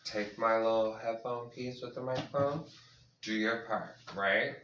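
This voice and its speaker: Bright-voiced man, far off in an echoey room. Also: medium pitch, steady tone, a little slow, highs cut off, a little hiss or hum. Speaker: podcast co-host. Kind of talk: casual chat. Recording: echoey room, set back from the mic.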